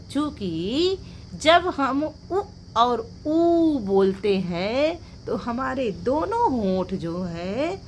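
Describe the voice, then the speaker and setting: A woman's voice: medium pitch, slight background noise. A woman teaching an exam-prep lecture, asking the class questions and then answering them herself. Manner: drills points with rhetorical questions and repeats the answers.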